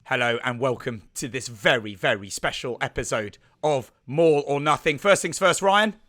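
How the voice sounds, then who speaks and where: A man hosting a podcast, giving a hyped introduction with theatrical, drawn-out build-up. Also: medium pitch, a bit bright, no echo, studio quality. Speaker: podcast host.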